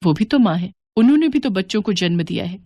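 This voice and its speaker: Woman voicing gentle, respectful young daughters-in-law. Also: medium pitch, animated, fast, no echo, muffled recording. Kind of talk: animated moral story voice acting.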